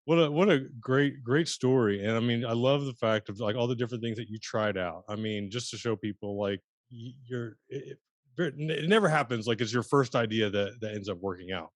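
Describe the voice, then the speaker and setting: Relaxed, affirming man hosting a chat. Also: mid-range voice, fairly quick, no echo, clean studio sound. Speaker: podcast host. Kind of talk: casual interview chat.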